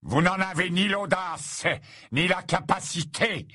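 A man's voice: fairly high pitch, lively intonation, brisk, sharp tone, breathy edge, no echo, studio quality, heavily acted. A man voicing a cold, disdainful male wizard who mocks his opponent in a sneering tone, in an audiobook reading. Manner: sneering, mocking.

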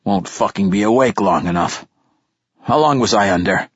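A man putting on a cranky old poet, ancient and foul-mouthed, grumbling his curses in a husky, mumbling rasp. The voice sits low, and the recording is dry and slightly dull. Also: normal speed, dry recording. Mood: grumpy. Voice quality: raspy, mumbling.

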